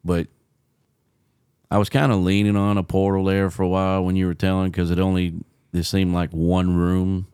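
A man's voice: sits low, completely flat delivery, moderate pace, a little mellow, clear, resonant tone, dry recording, studio quality. A man co-hosting a paranormal podcast, chatting in a folksy, conversational way and often repeating words. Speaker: podcast co-host, paranormal investigator. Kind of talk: casual chat.

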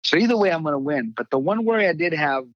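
An older man, a pastor, telling a personal testimony in halting conversational speech, acting out the voices he quotes. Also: a little high, expressive, no room sound, muffled recording. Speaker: pastor, guest.

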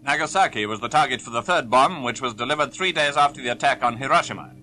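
A man's voice: medium pitch, fast talker. A man narrating an old 1940s newsreel in a formal, stern, declaiming manner, played back from an archive soundtrack. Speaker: newsreel announcer.

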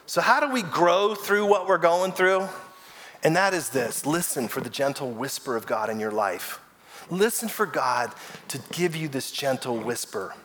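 A man's voice: fairly high pitch, expressive, moderate pace, a little hiss or hum. A man, a lead pastor, preaching a sermon in a conversational way and acting out the voices in the story. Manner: grows loud and emotional telling his own story.

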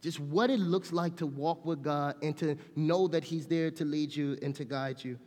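A middle-aged pastor with a fairly high voice preaches in a church whose long reverb trails every phrase. He talks like he's chatting with friends, sinking low and soft, then surging loud and lively. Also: normal speed. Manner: conversational, swings from quiet to loud and animated. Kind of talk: sermon. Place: church sanctuary.

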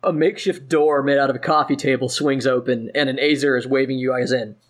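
A man's voice: mid-range voice, steady tone, fairly quick. A man narrating an improvised tabletop fantasy game as game master, descriptive and feeling his way through scenes.

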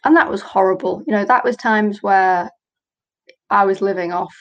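A woman's voice: medium pitch, moderate pace, dull audio. Candid businesswoman guest, earnest, recounting in conversation. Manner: earnest, candid, reenacts quotes. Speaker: guest, small business owner. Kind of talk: conversational storytelling.

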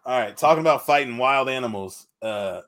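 A man's voice: mid-range voice, animated, fairly quick, fairly bright tone. A man co-hosting a casual chat, laid-back and profane, often laughing.

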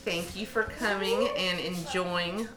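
A woman guest showing how to make juice at home, talking in a lively, encouraging way. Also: fairly low pitch, slow pace. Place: home kitchen. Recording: roomy kitchen from far off, loud clatter. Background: clinking dishes and cutlery.

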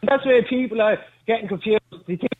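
Male caller, high voice, rapid and defiant, heard over a buzzy phone line that keeps cutting out. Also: over a noisy crowd. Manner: defiant, argumentative, talks over the host. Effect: buzzy phone line that keeps breaking up. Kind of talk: radio phone-in call. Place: on a building site. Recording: tinny glitchy phone line.

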